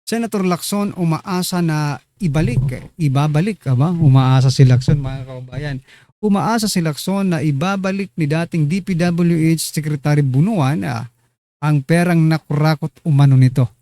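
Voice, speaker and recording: Male commentary host, mellow, slightly raised pitch, teasing and chatty, dry close sound. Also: normal speed, dry recording. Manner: chatty, teasing, addresses viewers as kababayan. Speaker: online news commentary host. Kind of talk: casual political commentary.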